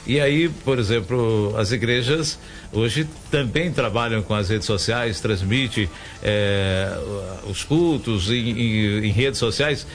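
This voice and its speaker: A man's voice: on the low side, slow. A middle-aged man hosting a local radio interview, chatty and rambling with many restarts. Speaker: radio host.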